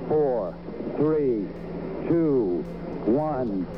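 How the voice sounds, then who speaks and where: A man calling out a launch countdown over crackly archival space-mission radio, in measured, clipped call-outs. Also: mid-range voice, expressive, highs cut off. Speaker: launch commentator. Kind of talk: countdown announcement. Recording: archival broadcast with music.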